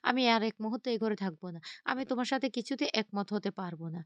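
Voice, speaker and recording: A defiant young husband who refuses everything, angry and stubborn, put on lightly by a woman retelling a serial. The voice is quick and a touch high, dry and close. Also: expressive, no room sound, dull audio, close to an everyday voice.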